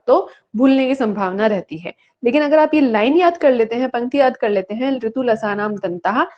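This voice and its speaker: A woman gives an online exam-prep lecture in a slightly high voice. She asks questions and answers them herself, and she chants the rule lines slowly. The audio is dull and lo-fi. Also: darkish tone. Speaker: Sanskrit teacher.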